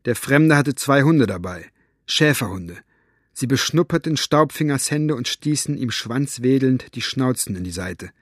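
A man's voice: medium pitch, lively intonation, measured pace, no room sound. Man reading an audiobook, dry. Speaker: narrator.

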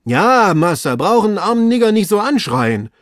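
A man reading aloud, voicing a fearful male servant calling down from high in a tree in broken, drawn-out speech. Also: very animated, fairly bright tone, no echo, clean studio sound. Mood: anxious. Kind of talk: audiobook reading.

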